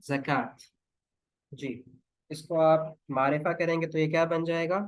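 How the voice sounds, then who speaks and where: A male teacher leads a grammar lesson at a slow, deliberate pace. He sounds down to earth and repeats words patiently for his class, with a slightly high voice. The recording is dry and close. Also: steady tone, no echo.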